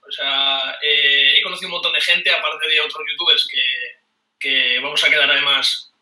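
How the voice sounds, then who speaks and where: Speaking from a small room at home over a webcam, this board game YouTuber in his thirties from Spain laughs a lot as he tells lively stories as an interview guest. His pitch is fairly high and his intonation fairly even, at a normal pace with a sharp edge. He sits far from the mic, giving roomy, off-mic audio.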